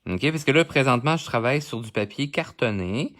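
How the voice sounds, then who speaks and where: A Québécois-accented art instructor leads a live-streamed coloring tutorial at a brisk clip. His medium-pitched voice is animated and fairly bright, and he keeps up a running chat with viewers while he works.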